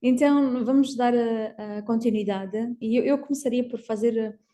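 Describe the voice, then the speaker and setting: Portuguese woman with a dark, mellow voice. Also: on the high side. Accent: European Portuguese. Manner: hesitant, fills pauses with "ah" and tags "não é?". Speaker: session debater and moderator. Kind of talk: academic panel discussion. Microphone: video call.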